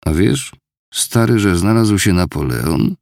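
A gruff, blunt old veteran who mutters, as a man reads him. The voice is deep and gravelly, close and dry. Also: sing-song, unhurried, darkish tone, dry recording, full character voice. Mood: gruff muttering.

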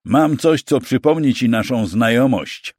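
A man's voice: fairly low pitch, takes it slowly, no echo. A bold young knight with a raised, ringing voice, as a male narrator acts him out. He calls out defiantly and with force. The sound is dry and close. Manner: calling out loudly, challenging.

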